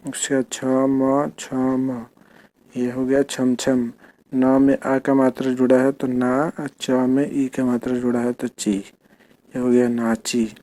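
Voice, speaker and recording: A man with a mellow, darker voice teaches a slow reading lesson for children. He sounds out every syllable patiently and takes his time. His pitch sits in a middle range. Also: level tone.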